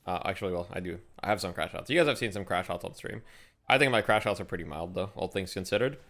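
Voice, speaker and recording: Laid-back streamer, low voice. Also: male voice, quick pace, fairly bright tone. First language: French. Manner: laid-back and chatty, with many fillers and restarts. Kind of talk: casual live-stream chat, reading and answering viewer questions. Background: faint music.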